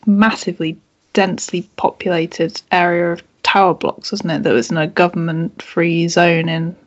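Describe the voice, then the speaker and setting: A woman's voice: on the low side, level tone, normal speed. A woman chatting animatedly about a film, laughing often. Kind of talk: casual chat. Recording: dull lo-fi recording.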